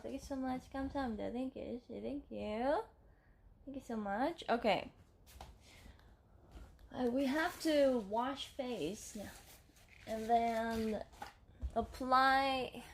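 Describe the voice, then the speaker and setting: A woman's voice: on the high side, a little hiss or hum. A woman chatting casually on a livestream in a playful, girlish way, thanking her subscribers. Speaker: live streamer.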